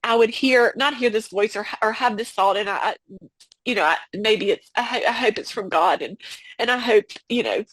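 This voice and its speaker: A woman guest on a podcast, speaking about a personal loss in a halting way, full of fillers and restarts. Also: a little high, a bit bright, no room sound. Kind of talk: emotional personal conversation.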